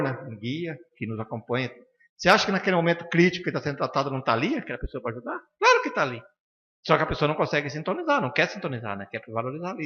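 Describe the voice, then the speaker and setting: A man with a Curitiba Brazilian accent leads an informal study class at a spiritist center, speaking quickly and firmly. He keeps slipping into quick acted exchanges with the people he treats. The recording is dull and lo-fi, with a long reverb trailing off the walls of the hall. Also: mid-range voice. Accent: Brazilian Portuguese, from Curitiba. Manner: animated, acts out dialogues with patients; blunt and firm, frequent "né?" tags. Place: spiritist center lecture room.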